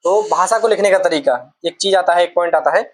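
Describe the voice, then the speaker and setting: Talking fast in a lowish voice, a woman leads an exam-oriented Hindi class, going letter by letter with patience, repeating the sounds and quizzing her students. The recording quality is low.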